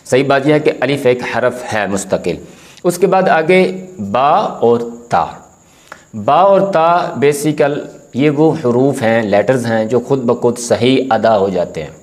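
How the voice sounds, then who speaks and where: A man's voice: mid-range voice, expressive, measured pace, darkish tone. Patient male Quran reading teacher. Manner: patient, stretches out sounds to demonstrate them; firm when correcting common mistakes. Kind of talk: recorded beginner lesson, explaining letter pronunciation.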